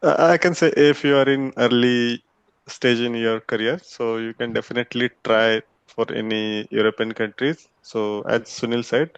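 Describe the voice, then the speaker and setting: A man's voice: medium pitch, fairly even intonation, normal speed, clear, resonant tone, dry recording, lo-fi sound. A man speaking casually as a guest on a video call.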